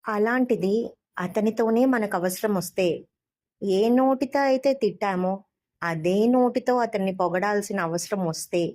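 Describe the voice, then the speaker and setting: A woman's voice: mid-range voice, a little slow. Conversational woman storyteller. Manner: warm, conversational, addresses listeners directly. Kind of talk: audiobook story narration.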